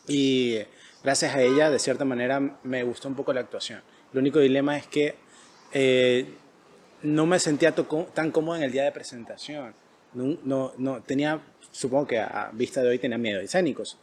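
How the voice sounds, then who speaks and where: A man's voice: mid-range voice, steady tone, a little fast, darkish tone, slight background noise. A man hosting a podcast, talking casually and hesitantly with frequent filler sounds. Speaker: podcast host. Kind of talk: casual conversation.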